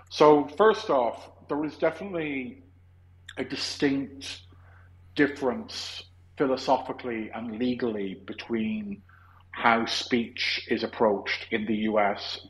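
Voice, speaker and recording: An Irish podcast host leads a casual discussion, opinionated and rambling, frequently restarting his sentences. His voice is medium-pitched, and the audio quality is poor.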